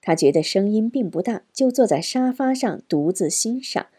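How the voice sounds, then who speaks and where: A woman narrating a novel as an audiobook in an expressive storytelling manner. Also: mid-range voice, normal speed, breathy edge. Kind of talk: novel reading.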